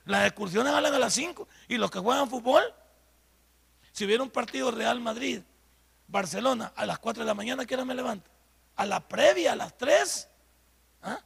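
A male pastor with a Salvadoran accent preaches a fervent sermon in a church. He fires rhetorical questions at the congregation and at times rises to a shout. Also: extremely high pitch, lively intonation, normal speed, gravelly, pauses often, breathy edge, long reverb tail.

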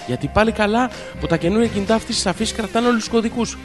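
A man co-hosting a comedy podcast, reading out listener emails and adding dry, deadpan quips. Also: high-pitched, over music. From Greece. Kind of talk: comedic banter reading messages.

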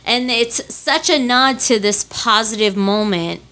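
A woman hosting a podcast in casual, animated chat, laughing often and playfully arguing her point. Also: on the high side, unhurried. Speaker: podcast host.

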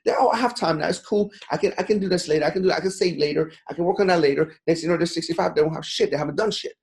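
An Iranian gym owner in his forties speaks as a guest in a motivational interview, his voice fairly high, very fast, gravelly and a little mellow. He is blunt, profane and fired up, saying "you know" constantly.

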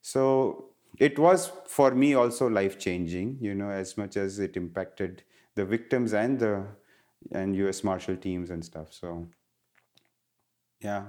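Speaking on the low side and a little slowly, with a darkish tone, this middle-aged guest from India is a wellness educator. In a relaxed interview he explains earnestly and animatedly, often starting his sentences over.

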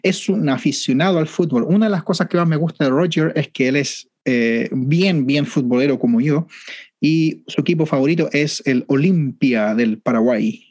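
A man hosts a relaxed conversational interview, his voice fairly high for a man and husky. He talks in a friendly, animated way. The sound is dry and close, with no room around it. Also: moderate pace, no echo. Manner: friendly, animated storytelling with easy laughs. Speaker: podcast host.

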